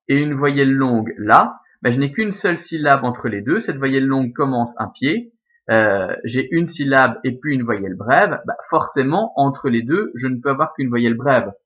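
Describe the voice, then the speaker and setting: A man with a Belgian French accent teaching a recorded Latin lesson, explaining step by step with many fillers and self-corrections. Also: medium pitch. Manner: patient, methodical, with frequent fillers and self-corrections. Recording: slightly dull lo-fi sound.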